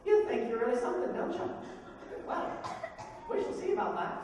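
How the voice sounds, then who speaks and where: A man's voice: very high-pitched, wildly swooping pitch, brisk, distant mic, background noise, full character voice. A man doing sly, mocking little fairy folk. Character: mischievous little fairy people. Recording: echoey hall, heard from afar.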